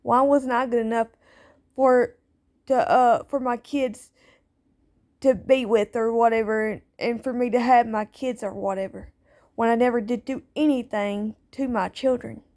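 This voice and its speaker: A woman's voice: fairly high pitch, fairly even intonation, unhurried, a little mellow. A woman speaking out as a parent in a personal monologue, plaintive and aggrieved, repeating herself with nonstandard grammar. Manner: plaintive, aggrieved, repetitive phrasing.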